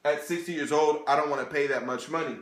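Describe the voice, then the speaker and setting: Man in his thirties, seminar presenter, higher voice, roomy echo, lively delivery. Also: fast. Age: 30s. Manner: animated, talks to the audience, frequent "okay?". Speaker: financial presenter. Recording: echoey room.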